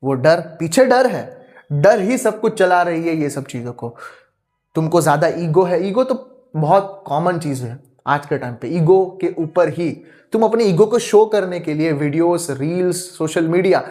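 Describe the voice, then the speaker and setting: Earnest man with a high voice. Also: animated, measured pace, darkish tone. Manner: earnest, repeats rhetorical questions, mixes english words. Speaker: youtube teacher. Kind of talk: spoken lecture.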